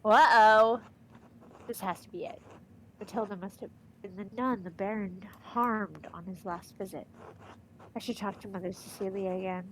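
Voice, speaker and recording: A woman with a medium-pitched voice, stuffy from allergies, streams a game at a moderate pace, chatting casually and excitedly reading the game's lines aloud. The low-quality recording carries a little hiss or hum.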